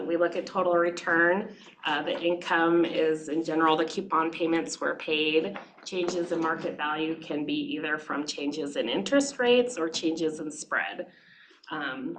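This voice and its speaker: A woman with a low voice walks a board through a brisk, matter-of-fact presentation. She explains point by point and drops in light laughs, over a faint hiss. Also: a bit bright, poor audio. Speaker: investment presenter at a board meeting.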